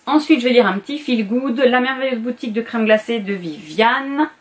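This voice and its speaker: A woman's voice: fairly high pitch, lively intonation, moderate pace. A woman book vlogger in a casual chat to camera, going through her reading list and often hesitating and correcting herself.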